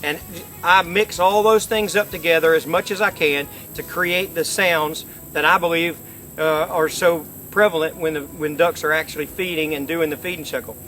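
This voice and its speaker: A man's voice: a little high, fairly even intonation, normal speed, music in the background. A middle-aged man giving an informal, folksy instructional demonstration, explaining step by step. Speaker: duck-calling instructor. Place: outdoors by a lake.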